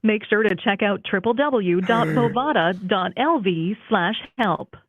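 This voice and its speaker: A woman's recorded phone menu voice heard over a phone line, in a polished, steady announcer delivery. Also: medium pitch, a little slow, husky, dry recording. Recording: tinny dry phone line.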